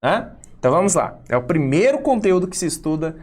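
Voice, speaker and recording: A woman's voice: lowish voice, very animated, fairly quick, darkish tone. A woman teaching exam prep in a breezy, chummy way, calling her students young ones as she explains questions. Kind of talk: casual classroom explanation.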